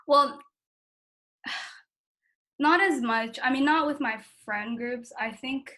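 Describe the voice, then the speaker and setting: An eighteen-year-old woman, born in the Philippines and raised in the United States, speaks with an American accent in a high, sharp voice at a slow pace. Interviewed in a family conversation, she talks candidly and informally, self-reflective and using "like" a lot.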